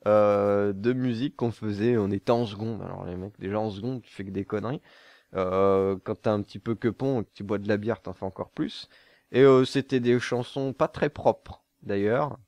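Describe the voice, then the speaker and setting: A man's voice: lowish voice, a little mellow, dry recording. A young man from southern France answering viewer questions to camera in a casual, jokey way, laughing at his own jokes and stumbling over fillers.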